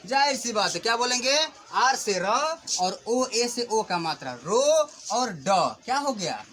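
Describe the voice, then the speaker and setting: A male teacher with a high, bright voice walks children through a pronunciation lesson. He asks questions and then answers them, hitting each example word firmly. A faint hiss of noise sits under the recording. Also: lively intonation, a little slow. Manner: patient, questioning, stresses example words loudly. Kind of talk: classroom lesson explaining English pronunciation to children.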